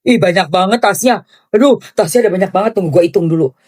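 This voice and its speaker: A woman giving excited, gushing reaction commentary on celebrity gossip in chatty slang. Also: mid-range voice, fast.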